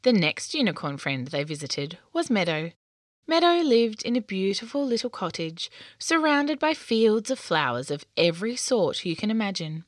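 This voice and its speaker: A woman narrating a children's story in an expressive, lilting read-aloud manner. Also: mid-range voice, normal speed, no echo, clean studio sound.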